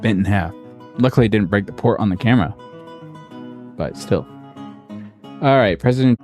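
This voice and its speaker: A man hosting a reaction video, chatting casually about tech and bursting into loud excited shouts at clips. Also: fairly low pitch, moderate pace, faint music behind. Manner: loud excited outbursts while watching.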